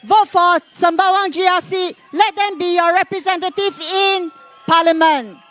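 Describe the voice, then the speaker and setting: Singaporean male rally emcee, very high bright voice, announcing candidates over music. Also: fairly even intonation, moderate pace. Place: outdoor rally field.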